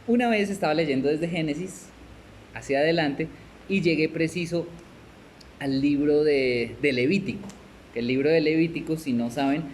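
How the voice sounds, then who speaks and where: Colombian man, young adult, conversational discipleship teacher, somewhat high-pitched, faint background noise. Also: normal speed. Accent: Colombian Spanish. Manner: conversational, asks "¿cierto?" and "¿sí?" often, laughs, acts out little scenes. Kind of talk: teaching a Bible class.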